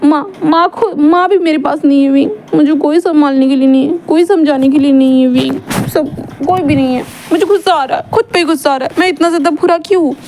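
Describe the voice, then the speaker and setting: A heartbroken young man, drunk and tearful, rambles and repeats himself in a high, mellow voice, as a woman storyteller acts him out. It sounds like a storybook reading. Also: a little fast, slight background noise, natural voice.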